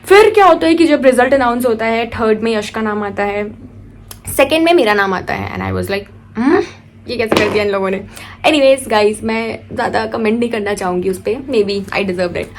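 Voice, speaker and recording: A young woman vlogger telling a personal story in a lively, animated way, switching between Hindi and English and acting out her own quoted lines. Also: on the high side, moderate pace. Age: young adult. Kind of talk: casual storytelling vlog.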